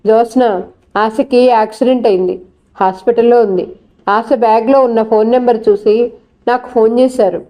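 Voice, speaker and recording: A woman's voice: fairly high pitch, steady tone, moderate pace, warm tone, close to an everyday voice. A woman reading the lines of a worried young man who brings urgent news in a trembling voice.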